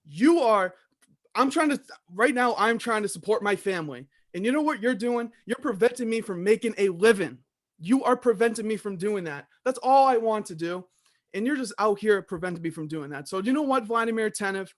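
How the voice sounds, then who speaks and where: A man's voice: high-pitched, expressive, brisk. A man performing an amateur wrestling promo as an indignant, crusading wrestler calling out a villain. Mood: indignant, defiant.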